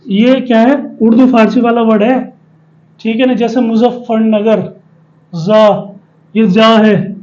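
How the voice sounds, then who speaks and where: A man's voice: high voice, fairly even intonation, slow pace, a little mellow, lo-fi sound. A man teaching a spelling lesson, explaining step by step and often asking questions and answering them himself. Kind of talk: spoken Hindi spelling lesson at a board.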